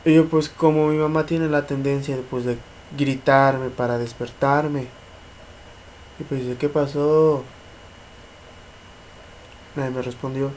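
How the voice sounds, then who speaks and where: A young Mexican-accented man records a casual paranormal vlog from home at night, while the neighbours' party is audible outside. He rambles, repeats words and imitates knocking sounds, his mid-range voice flat and unhurried over a faint hiss or hum.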